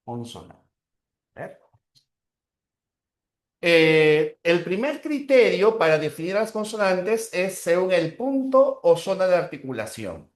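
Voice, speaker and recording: A man with a Peruvian Spanish accent lectures a class in a high-pitched voice with big swings in pitch, speaking slowly and leaving long pauses. He repeats key terms and checks in with short tag questions. The recording has a roomy echo.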